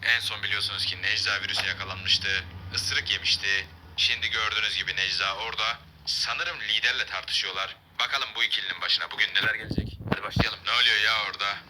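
A man hosting a game video, commentating and role-playing in an animated, joking way. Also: fairly low pitch, a little fast, background noise. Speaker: gaming video host.

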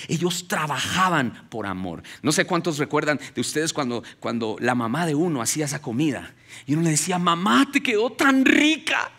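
A male pastor preaching a sermon to a congregation, moving between loud, rising exhortation and hushed storytelling, with humorous asides. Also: fairly high pitch.

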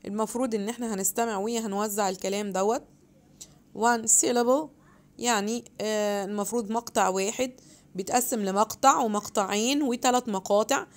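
A young woman with an Egyptian Arabic accent walks through an English activity book page by page as a homework lesson. She reads the English prompts slowly and carefully, slipping English words into her Arabic explanations, in a medium-pitched, slightly mellow voice.

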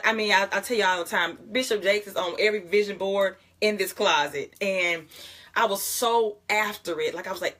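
A woman's voice: fairly low pitch, fairly bright tone, breathy edge. A young woman pastor, chatting casually with viewers on a morning livestream and praying, often laughing and calling them y'all. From Jackson, Mississippi. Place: home closet.

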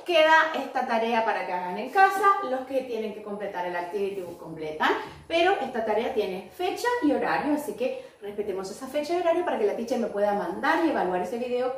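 A woman teacher speaks in a high, very animated voice, drawing out model phrases slowly for young learners. She sounds set back from the mic in a strongly echoing room. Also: far from the mic, a little hiss or hum. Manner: slow, exaggerated modeling of English phrases. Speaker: English teacher. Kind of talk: recorded online lesson for young children.

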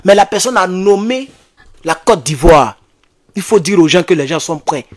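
An Ivorian activist host in his thirties gives impassioned, urgent commentary to his online followers, repeating phrases for emphasis in an emphatic, animated way. His voice sits high at a normal speed, recorded in a small home studio with a desk microphone close in front.

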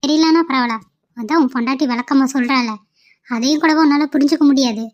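Woman, cartoon drama voice, high pitch, dull lo-fi sound. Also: fast talker. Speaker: voice actor for cartoon characters. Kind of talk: tamil cartoon drama voicing. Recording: muffled lo-fi audio.

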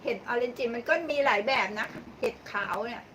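A woman's voice: fairly high pitch, fairly quick, fairly bright tone. A woman hosting a live-stream cooking show, chatting casually with viewers as she cooks, thanking them by name and laughing often. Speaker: livestream cooking host. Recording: distant mic with clear background noise.

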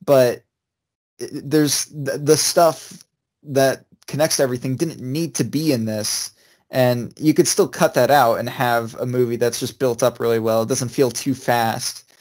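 Guy co-hosting a chat, halting, keeps restarting sentences, medium pitch. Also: fairly even intonation, darkish tone. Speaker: co-host. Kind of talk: casual chat.

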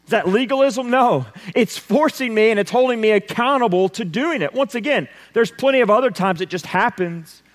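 A man preaches from the pulpit, his somewhat high voice carrying a long church reverb. He drives his points with loud emphasis, then drops to a hushed, intense delivery. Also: normal speed, hardly any pauses. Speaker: pastor. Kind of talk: sermon. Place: church sanctuary.

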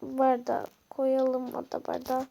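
High, gravelly woman chatting through a game. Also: completely flat delivery, slow, warm tone, a little hiss or hum, rough recording. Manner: chatty, keeps addressing her viewers. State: groggy, just woken up. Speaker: gameplay vlogger. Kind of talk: casual game narration to viewers.

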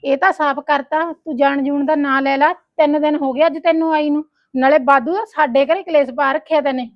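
A high-pitched, scolding village wife with a Punjabi accent, played by a woman. She nags her husband and his sister in a sharp, grumbling tone. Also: fairly even intonation, a little fast, dull audio, natural voice. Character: nagging, jealous village wife, sharp-tongued. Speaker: quarrelsome wife and sister-in-law. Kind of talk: comic family drama acting.

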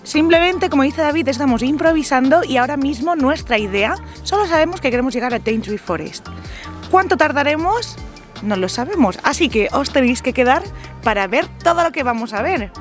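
Travel vlogger, woman in her 30s, bright high voice, selfie-style outdoors, soft music behind. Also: brisk. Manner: lively, laughing, chatty. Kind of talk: casual chat to camera. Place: outdoors at a sunny campsite. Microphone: on-camera mic, selfie framing.

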